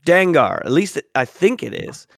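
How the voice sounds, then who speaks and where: An animated man chats casually as a podcast co-host, breaking into laughter and playful quoted voices. His pitch swings widely from phrase to phrase. The sound is dry and close to the mic. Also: moderate pace, creaky, dry recording. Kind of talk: casual chat recapping a cartoon episode.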